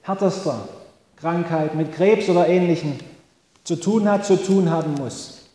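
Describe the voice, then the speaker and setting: Male pastor, slightly higher voice, mellow tone; slow, thoughtful sermon in a reverberant church. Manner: slow, reflective, with long pauses.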